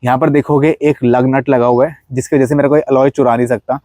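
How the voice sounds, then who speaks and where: He talks fast in a warm, mid-range voice with a level tone and no echo. A young man with an Indian accent, he gives a chatty, casual walkaround of his modified car, pointing things out and mixing Hindi and English.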